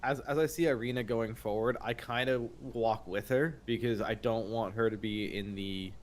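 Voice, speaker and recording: A man's voice: on the low side, steady tone, moderate pace, a little hiss or hum. A man playing a tabletop game, speaking hesitantly with many fillers. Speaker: player. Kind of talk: casual tabletop play.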